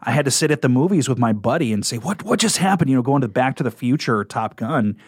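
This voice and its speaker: A man's voice: mid-range voice, fast talker, darkish tone, breathy edge, dry recording, studio quality. A man chatting casually and enthusiastically as a guest on a radio interview program. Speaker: radio talk show guest and coworker.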